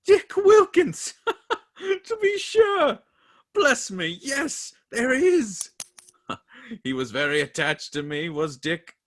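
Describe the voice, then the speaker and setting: An actor playing Ebenezer Scrooge in a radio play, an older miser looking back on his past in a wistful, excitable, pleading way. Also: extremely high pitch, takes it slowly, full character voice. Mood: delighted.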